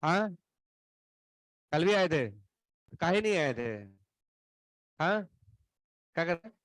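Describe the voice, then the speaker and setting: A man's voice: sits high, lively intonation, slow, fairly bright tone, no echo. A male coaching teacher scolding his students in class, stern and sarcastic, grilling them one by one while running a fever. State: feverish, throat unwell.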